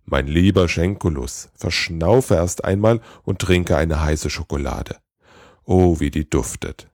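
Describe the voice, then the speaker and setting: A man voicing a tired, kindly old Santa Claus in a storybook tale, speaking slowly and wearily. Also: low voice, lively intonation, a little mellow, no room sound, studio quality. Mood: weary. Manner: slow, weary, grumbling.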